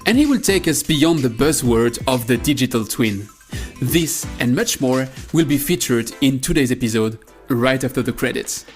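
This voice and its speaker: A man's voice: mid-range voice, animated, normal speed, soft background music. Upbeat male podcast host. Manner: eager and upbeat, polite, formally worded questions. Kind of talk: scripted intro and interview questions.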